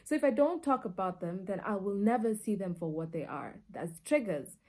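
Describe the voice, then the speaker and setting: With a mid-range voice at normal speed, this Kenyan-accented storyteller and media personality recounts personal anecdotes in a casual, expressive manner. She moves between English and Swahili and plays out the dialogue and people's reactions.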